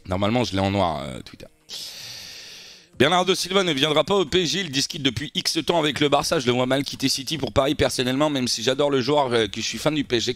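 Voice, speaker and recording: A man's voice: medium pitch, no echo. A young man streaming live and reacting to football news, chatting animatedly and constantly turning to his viewers. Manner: animated, keeps addressing his viewers as guys. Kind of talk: casual live-stream chat.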